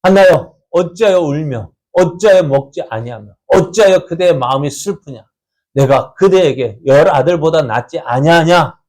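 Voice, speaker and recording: A man's voice: a little high, expressive, moderate pace, darkish tone. A man preacher voicing a husband who consoles his wife in solemn, old-fashioned words. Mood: consoling. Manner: solemn, archaic consoling address.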